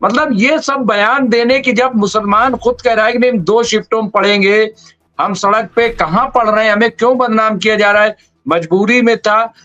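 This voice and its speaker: A man's voice: sits high, steady tone, normal speed, bright, forceful tone, dull audio. A man in a heated political discussion, explaining his view earnestly and persistently. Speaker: debate panelist.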